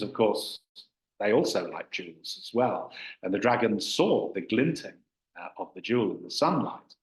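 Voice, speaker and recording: A man, a Buddhist teacher, giving a dharma talk in a hesitant manner with frequent fillers and restarts. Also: fairly low pitch. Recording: echoey hall.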